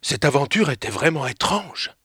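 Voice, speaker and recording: A man's voice: on the high side, expressive, normal speed, pushed and bright, slightly rough, dry recording, studio quality, heavily acted. A man voicing a timid, easily frightened little boy in a children's story reading. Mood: relieved.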